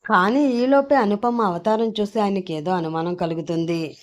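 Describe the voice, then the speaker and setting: Woman reading a story aloud, soft and steady, middle pitch. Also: normal speed. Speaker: narrator. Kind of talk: storybook narration.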